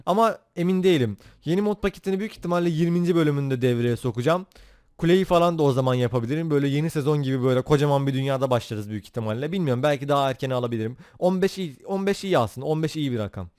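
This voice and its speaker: A young man casually commentating his own Minecraft let's play, excitable and jokey, talking to himself as he plays. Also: on the high side, racing, clean tone, no room sound, studio quality. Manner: excitable, jokey, talks to himself while playing. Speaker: gaming YouTuber.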